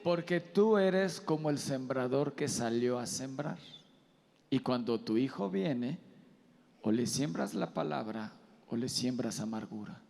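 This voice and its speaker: A man's voice: mid-range voice, measured pace, gravelly, darkish tone. A man pastor preaching earnestly, putting direct questions to the parents in the audience. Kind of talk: sermon. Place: large auditorium. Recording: live hall reverb.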